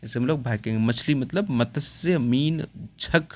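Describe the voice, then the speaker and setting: A man's voice: medium pitch, dry recording. Man teaching from a word list. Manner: steady listing, pausing after each word. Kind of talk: reading out a word list in a lesson.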